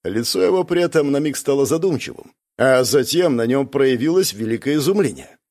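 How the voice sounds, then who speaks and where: A man narrating a first-person fantasy audiobook in a calm but expressive way. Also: mid-range voice, a little fast.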